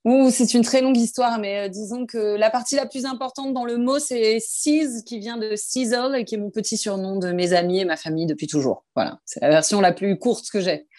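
A woman's voice: fairly high pitch, brisk, few pauses, a little mellow, no room sound, clean studio sound. A woman singer answering interview questions into a phone held in her hand, thoughtful and hesitant, with many fillers and restarts. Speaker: singer guest.

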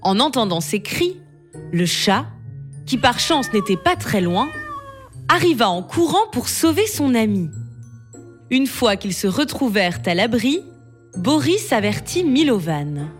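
A woman storyteller reading a bedtime fable aloud in a slow, expressive way. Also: fairly high pitch, soft background music.

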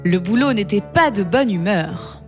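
A woman narrating a fable in an expressive storybook reading style. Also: mid-range voice, measured pace. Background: background music.

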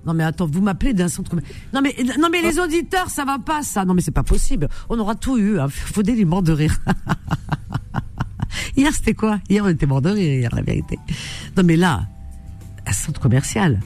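A woman hosts a call-in radio show with a lively, swooping delivery. She talks in an animated, teasing way that turns indignant, and a little music sits faintly under the studio. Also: medium pitch, a little fast. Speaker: radio host.

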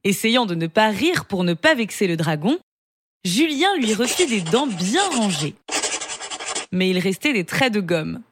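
A woman reading a children's story aloud in an expressive, lively way. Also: medium pitch, unhurried, no echo. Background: music.

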